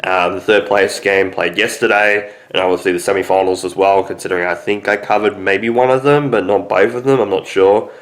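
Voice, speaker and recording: A man's voice: low-pitched, fairly even intonation, brisk, hardly any pauses. A young man with a nasal, stuffy voice from a cold, hosting a rambling casual sports recap full of ums. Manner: rambling, heavy on fillers like um and obviously. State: sick with a cold, stuffy nose. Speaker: sports podcast host.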